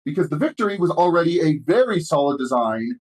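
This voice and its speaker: High-voiced guy tripping over his words. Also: sing-song, a little mellow, low-quality recording. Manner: quick, restarts often, swears casually. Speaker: podcast guest. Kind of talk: casual chat.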